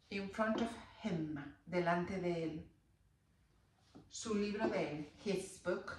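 Slow-talking woman teacher in an echoey room. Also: medium pitch, slight background noise. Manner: slow, patient explaining, spelling out words. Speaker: English teacher. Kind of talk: bilingual grammar lesson. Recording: very echoey room, far from mic.

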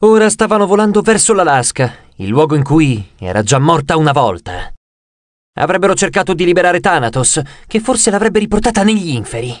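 A male audiobook narrator reads a scripted story aloud in a slightly raised, fairly high voice, recorded close and dry with no room sound. He narrates with steady, expressive care, voicing the characters' dialogue.

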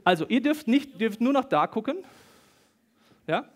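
A man preaching a lively sermon to a congregation, reading Bible passages and acting out the quoted voices. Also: very high voice, moderate pace. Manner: animated, acts out quoted voices, talks directly to the congregation. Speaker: pastor. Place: church service hall with an audience. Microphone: stage microphone.

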